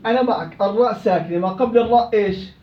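A man's voice: sits high, racing, roomy sound, dull audio, crowd noise. A man with a Levantine Arabic accent teaching Quran recitation rules in an interactive class, questioning and prompting his students.

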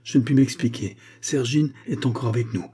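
A man reading a young Russian hussar captain who speaks in hurried, hushed urgency in an audiobook. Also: medium pitch, natural voice.

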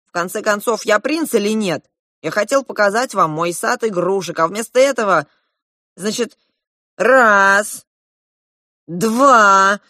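A woman voicing a bossy, impatient young prince who speaks loudly and commandingly. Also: mid-range voice, lively intonation, measured pace, pauses often, dry recording, clean studio sound, voice pushed up. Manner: commanding, loud.

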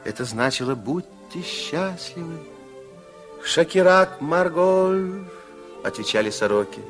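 A male actor with a somewhat high voice narrates a 1960s children's fairytale radio play, playing a kindly, expressive storyteller. His delivery is slow and theatrical, with soft music playing underneath.

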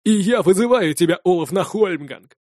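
A man's voice: sits high, animated, moderate pace, a little mellow, no room sound, studio quality, pitched above the performer's own voice. A man voicing a defiant, insolent young male viking warrior who speaks with sneering scorn in an audiobook. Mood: scornful defiant.

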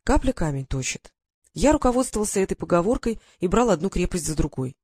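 A man reading a first-person adventure story aloud in steady storytelling style with dramatic lifts. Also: high-pitched, brisk, no room sound, clean studio sound. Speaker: audiobook narrator. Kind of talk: scripted first-person narration.

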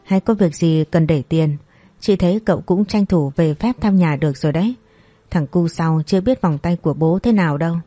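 A woman voicing a blunt, excitable older sister who scolds and exclaims. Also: on the low side, brisk, dry recording, close to an everyday voice. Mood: teasing.

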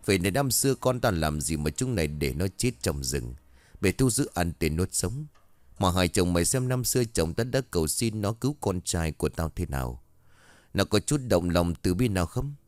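A man's voice: deep voice, sing-song, normal speed, a little mellow, dry recording. A man voicing the hateful spirit of an old witch woman, bitter over her dead son. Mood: vengeful. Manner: bitter, full of hatred.

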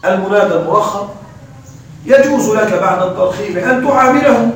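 A man's voice: high voice, expressive, a little fast, a little hiss or hum. A man teaching grammar to a class, often repeating words and checking that his students follow. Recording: very echoey room from a distance.

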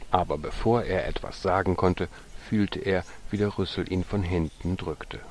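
A man reading a storybook aloud with gentle narration that sometimes drops to a soft whisper. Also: low-pitched, fairly even intonation, normal speed.

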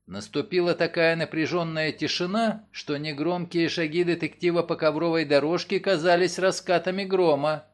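A man reading a courtroom story aloud in expressive scripted narration. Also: a little high, moderate pace, few pauses. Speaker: audiobook narrator.

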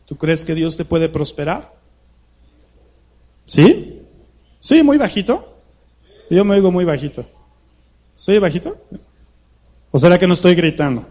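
Male preacher, light high voice, chatty sermon style, keeps asking the room questions. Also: very animated, slow, pauses often, dark tone. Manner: conversational preaching full of rhetorical questions to the congregation. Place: church hall with a live congregation.

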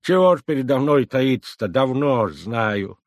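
A man voicing a gruff, knowing old village woman who grumbles slowly. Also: mid-range voice, lively intonation, no room sound, clean studio sound, voice pushed up, close to an everyday voice. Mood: grumbling. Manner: grumbling, slow and drawn out.

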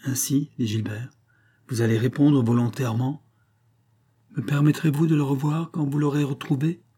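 Man doing a stern old-novel mesmerist, firm measured commands, dark husky voice. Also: medium pitch, steady tone, pitched above the performer's own voice, lightly acted. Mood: calm.

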